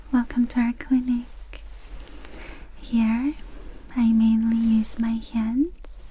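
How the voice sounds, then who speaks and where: Woman whispering super slow asmr clinic roleplay, dark mellow tone, barely any lift in her voice. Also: a little high, a little hiss or hum, low-quality recording. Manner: soft unvoiced whisper, gentle and slow. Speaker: ASMR creator playing a clinician. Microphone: close sensitive mic.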